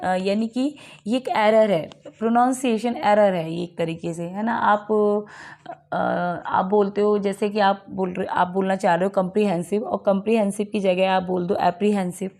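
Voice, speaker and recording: A woman with a gravelly, fry-tinged voice teaches an exam-prep lesson on literary terms. She reads each definition slowly, then breaks it down in a chatty mix of Hindi and English, asking herself questions as she goes. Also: medium pitch, steady tone, darkish tone.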